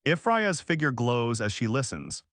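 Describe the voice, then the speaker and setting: A man narrates a comic recap from a script in an unhurried, animated way, his pitch swinging up and down. The audio is close and dry, nearly free of room sound, with no echo, and quoted lines come out in his usual plain narration.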